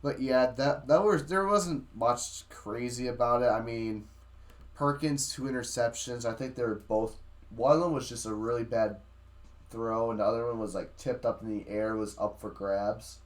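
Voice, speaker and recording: A man's voice: medium pitch, normal speed. A man co-hosting a sports podcast, chatting in a laid-back way about football news. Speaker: podcast co-host. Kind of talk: casual sports chat.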